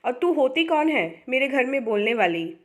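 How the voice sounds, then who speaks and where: A woman's voice: high-pitched, sing-song, moderate pace. A woman reading a story aloud and voicing a harsh, scornful older mother-in-law in her own voice. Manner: scornful, cutting.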